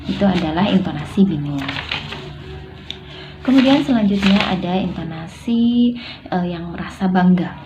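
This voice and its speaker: A woman's voice: lowish voice, expressive, moderate pace, long pauses, music in the background, poor audio. Young woman student presenting a lesson. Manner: explanatory, with fillers, rising on questions. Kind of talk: recorded class presentation.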